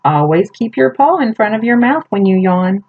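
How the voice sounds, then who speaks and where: A woman's voice: mid-range voice, big pitch swings, normal speed, narrow, tinny audio. A woman voicing a big round owl who hoots and scolds. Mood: scolding. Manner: hooting, scolding.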